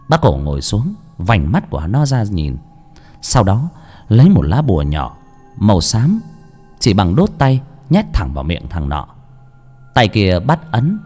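A man narrating a ghost story in a dramatic, animated way. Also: lowish voice, big-room sound.

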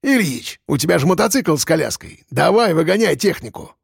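A man's voice: a little high, sing-song, fairly quick, creaky, husky, no room sound, clean studio sound, exaggerated voice. A man voicing a bossy, boozy unshaven local man who barks crude orders. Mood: eager.

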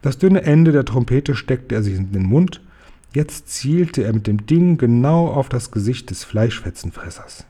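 A man reading a children's storybook aloud, slowly and expressively. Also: medium pitch. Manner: slow, careful, expressive. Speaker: reader.

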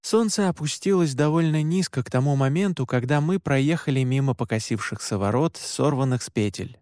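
A man reading a first-person story aloud as an audiobook narrator, in an even, measured way. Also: medium pitch, no echo, studio quality.

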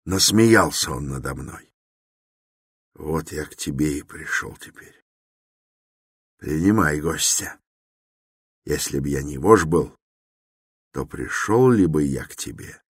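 A man's voice: very deep voice, lively intonation, slow, pauses often, breathy edge, dry recording, studio quality, exaggerated voice. A man voicing a tormented young man who speaks in an intense, brooding, confessional way, within a dramatic novel reading.

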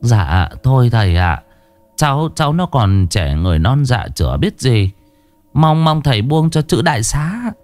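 A man's voice: mid-range voice, big pitch swings, moderate pace, darkish tone, soft background music, voice pushed up, lightly acted. A man voicing a humble, anxious middle-aged mother-in-law who pleads politely and hesitantly. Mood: placating.

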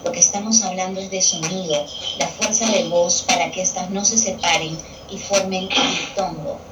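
A woman's voice: fairly low pitch, steady tone, moderate pace, distant mic. A woman teacher explaining grammar to students, patiently repeating key terms. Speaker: Spanish language teacher. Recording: echoey room picked up from afar with television noise.

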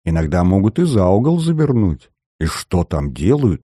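A man's voice: low voice, moderate pace, slightly rough, dry recording, clean studio sound, exaggerated voice. Cheeky young soldier, raised teasing voice, a man doing it. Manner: lively, mocking.

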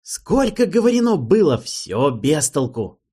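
A man reading an audiobook and voicing an irritable male mage who yells and curses, in a husky voice. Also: on the high side, very animated, normal speed, pitched above the performer's own voice. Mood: exasperated. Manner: yelling, cursing.

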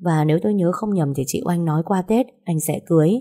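Low, mellow woman narrating a sorrowful story. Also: fast. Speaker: audiobook narrator. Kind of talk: first-person story narration.

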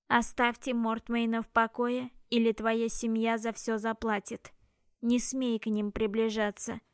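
A woman reading an audiobook and voicing a menacing metallic automaton, grating and mechanical, with a slow and deliberate delivery. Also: on the high side, no room sound, clean studio sound. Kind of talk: audiobook narration.

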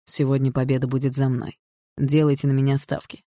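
A woman's voice: low voice, steady tone, a little fast, dry recording, clean studio sound. A woman voicing a cocky, hot-tempered teenage boy in an audiobook, swaggering and mocking.

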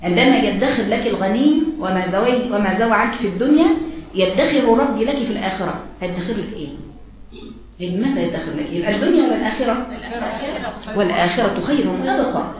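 A woman's voice: medium pitch, expressive, fast talker. A woman with an Egyptian accent giving a religious lesson, emphatic, speaking directly to women listeners and quoting verses. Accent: Egyptian Arabic. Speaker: religious preacher. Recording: very echoey, dull lo-fi sound.

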